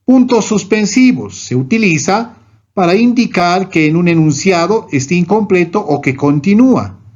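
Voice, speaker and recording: A man's voice: sits high, lively intonation, moderate pace, a little mellow, highs cut off. A man reading a scripted grammar lesson, going through numbered rules and examples one by one. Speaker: teacher.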